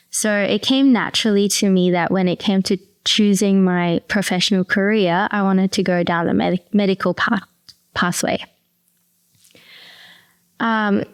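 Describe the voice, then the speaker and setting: Woman guest, clear and smooth, mid-pitched, earnest storyteller. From New Zealand. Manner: earnest, explanatory, with occasional fillers. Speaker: Ayurvedic practitioner guest. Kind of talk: conversational interview storytelling.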